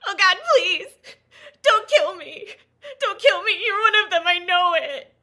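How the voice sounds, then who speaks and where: A woman's voice: high-pitched, expressive, a little fast, sharp tone. A woman playing a male terrorist leader who pretends to be a frightened hostage, stammering and pleading. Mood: pleading fearful. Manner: commanding, then stammering and pleading.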